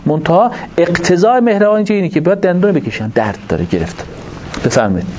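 A man giving a religious lecture to an audience, explaining points in an animated way and asking rhetorical questions. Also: high voice. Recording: dull lo-fi recording with faint noise.

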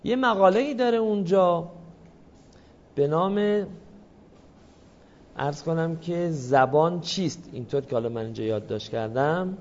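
A man with a slightly raised pitch lectures a class, explaining each point in a measured, patient way and turning now and then to address his listeners. The sound is a dull, muffled lo-fi recording. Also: animated, a little mellow. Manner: measured, explanatory, addresses the audience politely and answers questions.

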